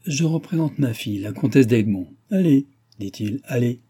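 A man's voice: mid-range voice, lively intonation, normal speed, warm tone, breathy edge. A man doing a sly old court nobleman. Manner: teasing, ironic.

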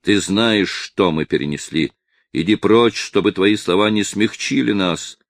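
A man performing a furious rebel villager in an audiobook, defiant and bent on revenge. His lines come out as raised shouts. The recording is dry. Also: on the low side, unhurried, no room sound, pitched above the performer's own voice. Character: angry rebel villager, vengeful young man.

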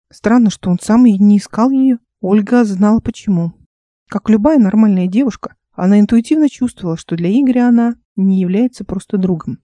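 A woman narrating her own fantasy audiobook in a calm, measured reading. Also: medium pitch, dry recording, clean studio sound.

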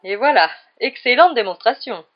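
A reader voicing a flamboyant, boastful male wizard teacher with a loud, theatrical delivery, on a dull lo-fi recording. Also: extremely high pitch, animated, moderate pace, voice pushed up. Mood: blustering. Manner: showy, loud, theatrical announcing. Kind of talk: audiobook character voice.

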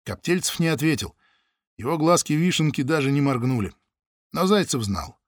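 A man narrating an audiobook in a vivid, expressive storytelling manner. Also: fairly high pitch, normal speed, dry recording, clean studio sound. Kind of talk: scripted narration.

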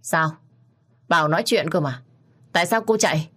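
A woman voicing a drunk, aggressive young man who shouts and taunts. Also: low-pitched, normal speed. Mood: furious.

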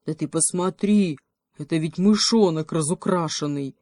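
A woman voicing grumpy, hungry crows in a fairy tale, speaking gruffly and grumbling. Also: sits low, normal speed, mellow, no echo.

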